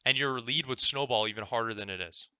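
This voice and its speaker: A man's voice: medium pitch, fast talker, pushed and bright, clean tone, no echo, lo-fi sound. A man coaching a player over a gameplay replay in a casual, explaining way, often checking in with "right?" and swearing freely. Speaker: game coach.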